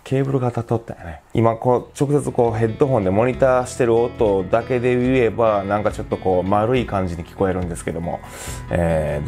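A man's voice: on the low side, darkish tone. A man with a Kansai accent chatting casually in a gear-review vlog, thinking aloud with lots of fillers. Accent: Kansai Japanese. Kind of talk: casual mic-test vlog. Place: indoors at home, later outdoors at night.

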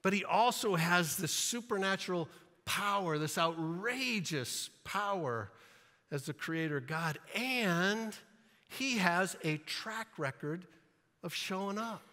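A man's voice: high voice, bright, forceful tone. A male pastor preaching a sermon, emphatic and earnest, acting out Bible scenes in playful asides. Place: church sanctuary. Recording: reverberant church hall.

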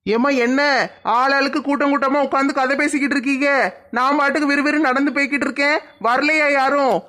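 A woman's voice: high voice, little pitch movement, brisk, a bit bright. A woman playing an impatient, bossy male group leader who scolds brusquely. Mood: scolding.

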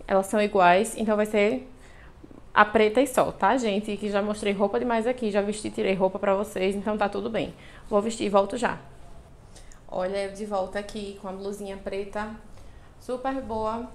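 A woman's voice: mid-range voice, fairly even intonation, normal speed. A young woman vlogging a casual clothing try-on, chatting straight to her viewers with lots of cute diminutives, recorded on a lapel mic in her living room. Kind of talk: casual try-on haul vlog. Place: apartment living room by a balcony window. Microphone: clip-on lapel mic.

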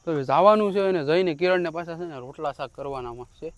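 A man's voice: on the high side, fast. A young man with a Gujarati accent, casually narrating a village vlog outdoors and chatting to his viewers. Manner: chatty, addresses viewers as friends. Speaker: vlogger.

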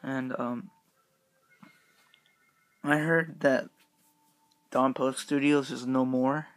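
A man's voice: medium pitch, steady tone, drawn-out words, no echo. A young man reviewing a Halloween mask in a casual, rambling way, talking through the rubber mask he is wearing. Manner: rambling, filler-heavy, upbeat. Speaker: YouTube reviewer.

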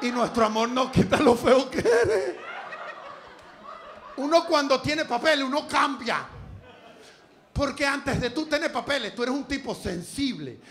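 High-voiced Venezuelan comic, crude and teasing. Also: male voice, animated, unhurried, pauses often, fairly bright tone. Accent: Venezuelan Spanish. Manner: crude, profane, teasing crowd work. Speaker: stand-up comedian. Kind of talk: live stand-up set. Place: comedy club stage, indoors.

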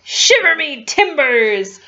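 A woman voicing a loud, boisterous male pirate captain in a storybook reading, with hearty, bellowing pirate talk, on a dull lo-fi recording. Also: high-pitched, very animated, takes it slowly, exaggerated voice.

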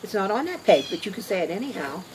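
A woman's voice: mid-range voice, sing-song, fast, a little mellow. A sweet old lady, a grandmother in her sixties or older, reading a picture book aloud to a toddler in a coaxing, playful way, recorded outdoors by a camera a few feet away. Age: 60s or older. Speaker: grandmother reading to a small child. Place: outdoors on a house porch. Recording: noisy outdoor camera audio.

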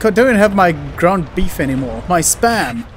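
A man's voice: sits high, sing-song, normal speed, a bit bright, a little hiss or hum. A man giving casual, jokey commentary while playing a video game, talking to objects and characters on screen. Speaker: let's play gamer.

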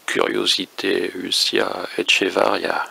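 A man with an accent from Quercy in southwest France, talking through a novel he loves in a halting way, full of hesitations and sometimes dropping to a near-whisper. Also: deep voice, monotone, gravelly, bright, forceful tone, husky. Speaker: book reviewer. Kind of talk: casual book review monologue.

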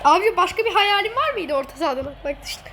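A woman with a very high, piping voice gives excited running commentary over a football video game. She teases and gloats at her opponent and laughs a lot. The recording is noisy, with game sound behind her. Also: quick pace. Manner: teasing, gloating, laughing often. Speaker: gamer streamer.

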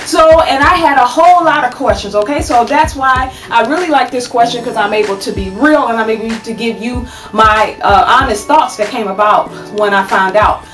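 A woman in her thirties giving relationship advice to her webcam at home, animated and preachy, checking in with "okay?" again and again. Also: a little high, moderate pace, few pauses, reverberant, recorded from a distance, soft background music, poor audio. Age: 30s. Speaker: advice vlogger. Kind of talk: casual advice talk to camera. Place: small room at home, indoors. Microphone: webcam at desk distance.

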